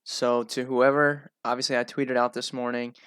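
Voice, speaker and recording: A male host with a nasal voice, talking through a casual solo analysis show in a chatty, relaxed way. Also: medium pitch, moderate pace, clear, resonant tone, no room sound.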